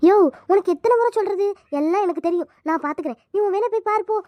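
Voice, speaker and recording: A woman's voice: very high voice, fast talker, warm tone, no room sound. A woman voicing a bossy, stubborn village mother-in-law who scolds and commands in a cartoon.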